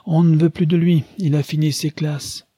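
A grave old grandmother with a dark, husky voice pitched high above the reader's own, as a man puts her on. She speaks briskly and with emphasis, waving away preambles. Dry, close sound. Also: no room sound. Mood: emphatic. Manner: brisk and emphatic, gets straight to the point.

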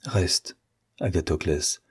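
A tender young noblewoman who speaks softly and falters, as a male reader gives her lines. The voice stays deep and husky, with a dark, mellow tone. It is a storybook voice, plainly the reader's own. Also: normal speed. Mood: faltering.

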